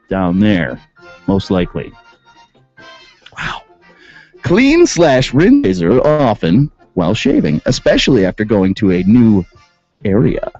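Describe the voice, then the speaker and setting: A man's voice: mid-range voice, mellow, no echo. A male radio host in comedic commentary, reading rules aloud and mocking them sarcastically. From Western New York. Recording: dull lo-fi sound with faint music.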